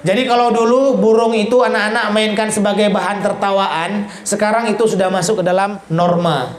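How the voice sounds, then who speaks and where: A man giving an Islamic parenting talk, acting out quick exchanges between parents and teens with lively jumps in pitch. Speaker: parenting lecturer. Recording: echoey hall with faint noise.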